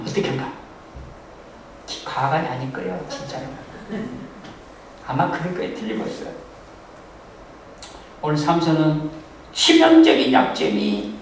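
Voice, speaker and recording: A male pastor preaching a sermon in a church, animated and joking, now and then bursting into shouts. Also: on the high side, slight background noise. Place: church sanctuary. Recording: echoey church hall, mic from far off.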